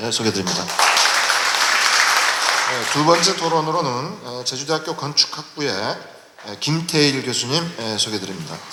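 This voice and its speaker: A middle-aged man from Jeju moderating a public forum in a formal, halting manner, with many pauses. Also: mid-range voice. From Jeju, South Korea. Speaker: panel moderator. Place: large lecture hall at a public forum. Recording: echoey hall recording with faint noise.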